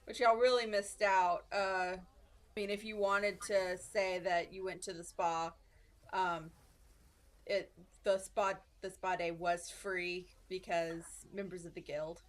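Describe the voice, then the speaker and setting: A woman in her twenties recapping a tabletop game session as dungeon master, relaxed and halting with many pauses and restarts. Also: fairly low pitch. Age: 20s.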